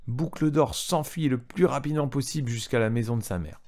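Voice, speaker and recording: Gravelly man reading a storybook to a child. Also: mid-range voice, brisk, a little mellow. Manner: asks the child questions, retells in plain words.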